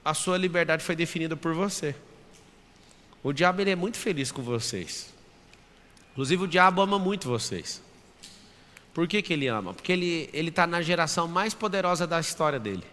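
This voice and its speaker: A man's voice: fairly high pitch, expressive, a little fast, pauses often, pushed and bright. A Brazilian man with a Brazilian Portuguese accent giving a blunt, provocative motivational talk, acting out the people he quotes. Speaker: motivational speaker. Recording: long hall reverb.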